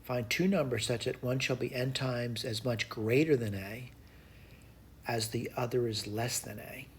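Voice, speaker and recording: A math tutor gives an informal lesson, hesitantly thinking aloud to himself as he spells out each step and repeats it. His mid-range voice is a little slow with fairly even intonation, and background noise is clearly audible.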